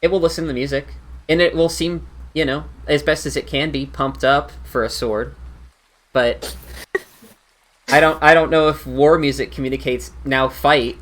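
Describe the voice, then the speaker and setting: A man's voice: fairly high pitch, fairly even intonation, moderate pace, a bit bright. A man running a tabletop game, rambling. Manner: rambling, many fillers. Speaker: game master.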